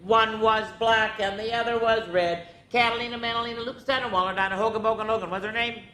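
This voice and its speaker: Picture books get an animated, sing-song reading from a woman hosting children's story time, who draws out rhymed words and makes chatty, exclamatory asides. She speaks a little fast with a fairly bright tone and fairly even intonation. Her room is echoey, with background rumble.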